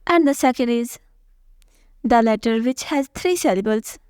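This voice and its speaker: High-pitched woman teacher, really slow and careful, repeats sounds, dry close mic. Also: animated, a little mellow, clear, resonant tone, no echo. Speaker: Quran recitation teacher. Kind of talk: slow tajweed lesson.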